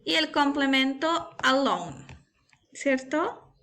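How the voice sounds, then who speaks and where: A woman's voice: high-pitched, expressive, slow pace, bright, forceful tone. A woman teaching an online primary school English class, explaining step by step and patiently checking that pupils follow. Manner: patient, step-by-step, frequent "¿cierto?" and "¿ya?".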